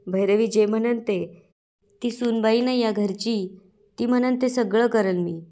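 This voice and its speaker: A woman voicing a scheming, sharp-tongued middle-aged aunt with a bossy, scolding manner. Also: fairly high pitch, fairly even intonation, a little slow, lightly acted.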